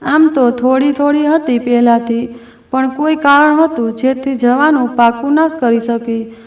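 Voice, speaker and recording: An earnest, strong-minded woman opens up to a close friend in reflective, heartfelt words, voiced by a storybook narrator. Her voice is high-pitched. It echoes in a roomy space, picked up from a distance. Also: fairly even intonation, measured pace, a little mellow. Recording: roomy echo from a distant mic.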